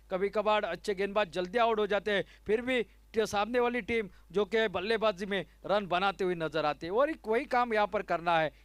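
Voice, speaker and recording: A man's voice: high voice, fairly bright tone, clean tone, no echo. A man with an Indian accent giving live ball-by-ball cricket commentary.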